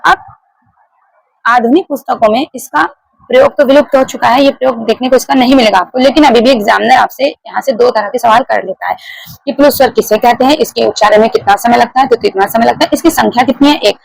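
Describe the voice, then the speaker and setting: Woman teaching grammar, lots of fry in her voice, goes over each point again, dead dry sound. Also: on the high side, fast, dry recording, low-quality recording. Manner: explains step by step, repeats key points, asks the class questions. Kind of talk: classroom lecture.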